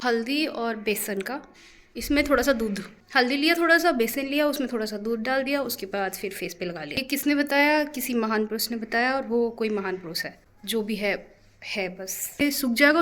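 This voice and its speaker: A woman's voice: a little high, a bit bright. A young woman chatting playfully to camera in a casual home vlog. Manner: playful, chatty, giggling through a drying face mask. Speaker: vlogger.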